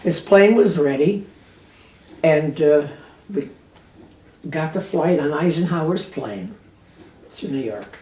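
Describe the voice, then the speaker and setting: An elderly American woman, a war veteran, recalling memories unscripted in short, halting phrases. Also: low-pitched, expressive, mellow. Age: 80s or older. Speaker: war veteran being interviewed. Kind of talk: unscripted reminiscing. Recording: roomy, distant microphone with faint noise.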